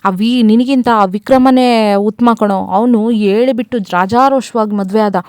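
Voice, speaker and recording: A stern older man scolds his son in a harsh, reproachful voice, as a woman storyteller puts him on. The sound is dry and close, with no room around it. He speaks somewhat louder than the storyteller's usual talk. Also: fairly high pitch, moderate pace, clear, resonant tone, no room sound, close to an everyday voice. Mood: scolding.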